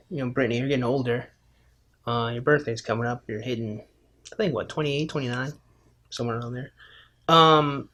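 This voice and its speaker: Man giving casual video commentary. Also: medium pitch. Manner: conversational, lecturing, addresses her as "my friend".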